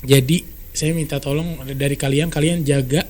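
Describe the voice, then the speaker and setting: A man telling a story in a casual podcast chat, brisk and animated, acting out quoted dialogue. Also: a little high. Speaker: storyteller guest.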